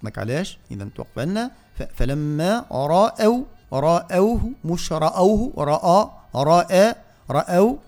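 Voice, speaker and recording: A man teaching recitation on the radio. He chants verses slowly and then explains each point in quick, plain speech. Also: big pitch swings, a little mellow, faint music behind. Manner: slow, high chanted recitation alternating with quick spoken explanation. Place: radio studio.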